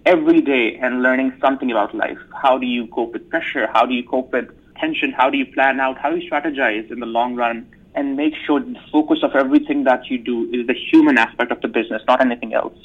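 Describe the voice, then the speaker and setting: A young man from Pakistan talks about his studies with eager energy, slipping into little laughs. His voice sits mid-pitch and comes through thin and tinny, like a phone line. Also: fast talker. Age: young adult. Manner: eager, laughs often, quoting others in asides. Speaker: university student guest. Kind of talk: conversational interview.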